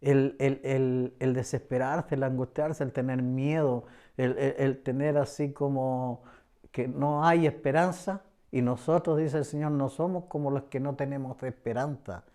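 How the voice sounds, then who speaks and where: A man's voice: medium pitch, dark tone. Earnest Chilean man giving testimony. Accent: Chilean Spanish. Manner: earnest, repetitive, pauses often with "eh". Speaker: church member giving testimony. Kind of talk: personal religious testimony.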